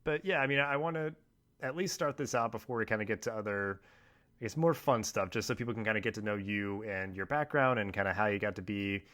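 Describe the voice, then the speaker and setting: A man's voice: fairly low pitch, fairly quick. A man hosting a podcast, talking casually with lots of filler words as he introduces the episode and reads a sponsor message. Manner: relaxed, many fillers. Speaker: podcast host.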